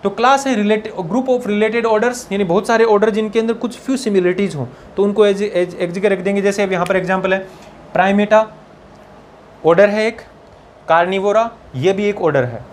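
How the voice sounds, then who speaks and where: High-voiced male biology teacher. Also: slight background noise. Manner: slows down to dictate English textbook lines, keeps asking "ठीक है ना". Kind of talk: exam-prep lecture, Hindi mixed with English.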